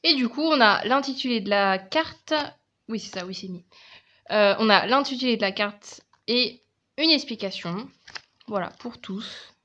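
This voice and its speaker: A woman's voice: a little high, a little slow, sharp tone, lo-fi sound, slight background noise. A woman with a French accent presenting her oracle card decks in a casual, chatty video, often hesitating and restarting her sentences. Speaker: tarot and oracle card reviewer.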